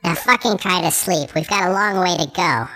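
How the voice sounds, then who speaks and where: A woman's voice: fairly low pitch, moderate pace, sharp tone, faint music behind. A performer voicing a foul-mouthed, bossy male marmot who talks bluntly in an audio story. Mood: gruff.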